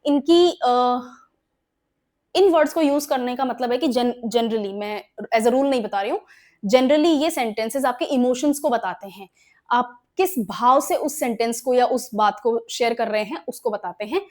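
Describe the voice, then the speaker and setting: A woman's voice: on the high side, normal speed. A young Indian woman with an Indian English accent, teaching English grammar in Hindi with English examples and often asking her students if they follow. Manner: explains in Hindi mixed with English examples, asks frequent check questions. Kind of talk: exam-prep grammar lesson.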